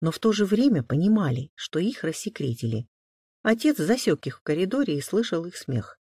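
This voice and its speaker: A man narrating an audiobook with expressive storytelling. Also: sits high, brisk, breathy edge, no room sound, clean studio sound.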